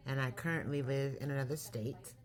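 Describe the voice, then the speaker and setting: A woman's voice: a bass voice, fairly even intonation, a little fast. Candid woman in her forties, reflective. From California. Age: 40s. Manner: reflective, candid, self-correcting. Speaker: vlogger. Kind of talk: personal storytelling vlog.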